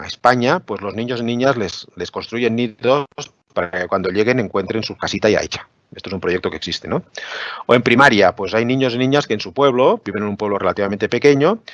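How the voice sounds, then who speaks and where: A man's voice: on the low side, no echo. A man giving an academic lecture on education with slides, explaining patiently and often asking "¿no?" to check that listeners follow. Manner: explanatory, many "¿no?" tag questions. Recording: dry, dull lo-fi webinar audio.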